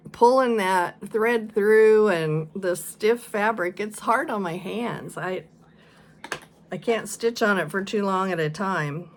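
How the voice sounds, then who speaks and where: A woman chatting casually as a vlog host, showing her stitching projects, with a relaxed, rambling manner and plenty of ums. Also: medium pitch. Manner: slow, chatty, many ums and pauses. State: coughing and sneezing now and then. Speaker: flosstube vlogger. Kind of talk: casual show-and-tell chat.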